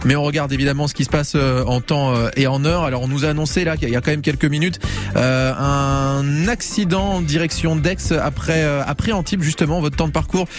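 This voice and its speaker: A man's voice: on the high side, steady tone, a little fast, faint music behind. A male radio host presenting live in a conversational, improvised way with hesitant phrasing.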